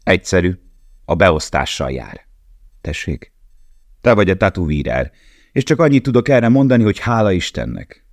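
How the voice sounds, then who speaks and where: A man's voice: low-pitched, big pitch swings, pauses often, no echo, clean studio sound, voice pushed up. A man reading the part of a blunt, mocking male camp guard in a storybook. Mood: sardonic.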